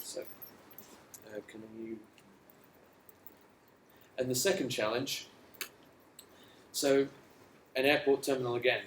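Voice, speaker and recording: A man's voice: medium pitch, fairly even intonation, a little hiss or hum. Man explaining at a conference, echoey room. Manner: measured, explanatory, some hesitations. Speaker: aid agency presenter. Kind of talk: conference presentation. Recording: echoey hall.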